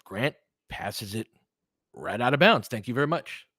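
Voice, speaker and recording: A man with a medium-pitched, slightly bright voice speaks a little slowly but animatedly, in clean studio-quality sound with no echo. He's a play-by-play commentator and streamer calling a basketball game live and casually, using short, clipped phrases and dropping informal, fan-style asides.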